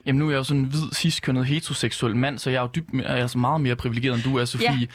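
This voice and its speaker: A man with a slightly hoarse voice, speaking earnestly in a political panel debate with many fillers. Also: mid-range voice, steady tone. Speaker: youth politician.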